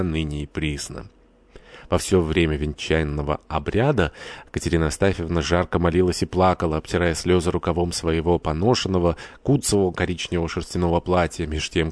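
A man narrating a classic novel as an audiobook in a measured, expressive way. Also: sits low, dry recording.

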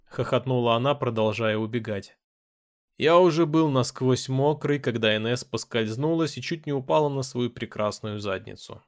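A man's voice: mid-range voice, moderate pace. Man narrating an audiobook, playful. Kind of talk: first-person audiobook narration with character dialogue.

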